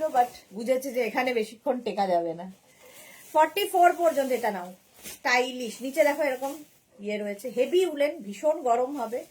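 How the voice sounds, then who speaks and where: A woman's voice: a little high, slight background noise, low-quality recording. A woman hosting a casual live-selling stream, rattling off sizes and prices and joking about viewers' comments. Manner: chatty, rattles off sizes and prices, reads comments aloud with teasing jokes. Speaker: boutique live-sale host.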